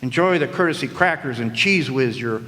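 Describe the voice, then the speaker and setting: Here a man with a medium-pitched, sharp voice speaks at a moderate clip with lively intonation, acting out a world-weary, wisecracking male detective in old-time radio-noir style. His first-person narration is jaded and full of sardonic slang, performed live on stage in an echoey hall with noise behind him.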